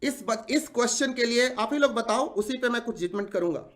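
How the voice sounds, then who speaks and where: A man's voice: very high voice, expressive, fairly quick, fairly bright tone. A man of forty, an exam-prep teacher, giving an impassioned video address to viewers, indignant and full of rhetorical questions. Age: 40s.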